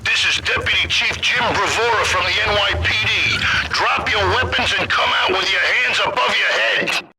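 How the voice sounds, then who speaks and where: An actor playing a stern police deputy chief who calls out an order to surrender through a megaphone, in a formal, commanding way. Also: male voice, high-pitched, normal speed. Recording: distant megaphone voice over loud noise.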